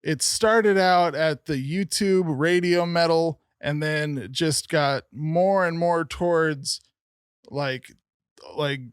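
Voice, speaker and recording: A man's voice: on the high side, slow pace, clean tone, dry recording, clean studio sound. A young man co-hosting a casual album review podcast, rambling with lots of "um" and "like" fillers. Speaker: podcast co-host.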